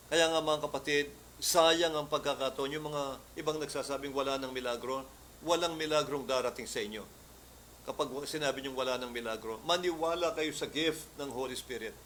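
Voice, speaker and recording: A male pastor with a Filipino accent gives a Bible study sermon, his fervent preaching rising at times to loud commands. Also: on the high side, a little hiss or hum.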